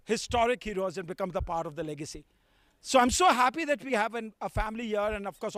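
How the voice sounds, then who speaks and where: A middle-aged man with an Indian accent and a very high-pitched voice delivers a ceremonial speech of thanks. His manner is effusive and formal, and the sound is dry, with little echo. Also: a bit bright. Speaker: school official giving a thank-you speech. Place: outdoor school playing field.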